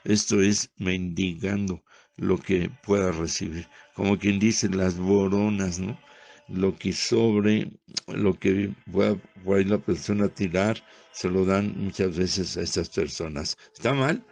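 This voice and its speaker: A man with a Mexican Spanish accent preaching a sermon, talking at a measured pace and calling out loudly when he voices quoted pleas. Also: sits low, steady tone, creaky.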